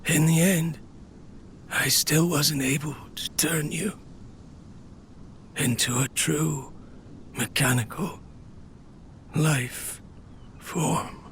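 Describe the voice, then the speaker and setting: A man playing a desperate, remorseful researcher in a video game, with a strained, halting, weakened delivery. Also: a little high, steady tone, a bit bright, a little hiss or hum, full character voice. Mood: weak, regretful. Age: adult. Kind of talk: dramatic video game voice acting.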